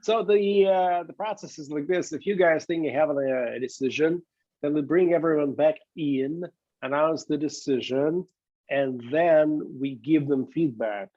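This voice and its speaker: A man's voice: on the high side, a little slow, warm tone, dry recording, muffled recording. A man running a moot court and keeping time, talking casually and rambling with many restarts on a video call. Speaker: moot court organizer and timekeeper.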